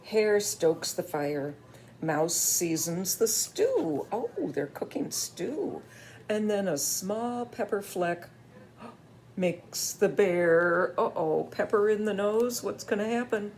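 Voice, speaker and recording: An older woman, a grandmother, reading a picture book aloud to her grandchild, gentle and playful and asking questions. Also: mid-range voice, sing-song, slow, a little hiss or hum.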